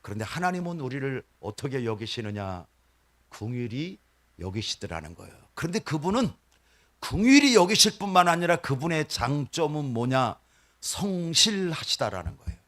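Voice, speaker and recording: A man preaching as a missionary at a midweek prayer service, animated and asking the congregation questions. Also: medium pitch, normal speed. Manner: animated, acts out quoted voices, asks the congregation questions. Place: church sanctuary.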